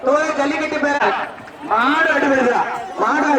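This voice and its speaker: A man with a very high, strained voice announces a bull-taming contest through a megaphone, barking rapid calls and commands. His amplified voice echoes as though from far away across an outdoor arena. A loud crowd and heavy noise fill the background. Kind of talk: live event announcing over loudspeaker. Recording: echoey loudspeaker heard from far off. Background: loud cheering crowd and heavy noise.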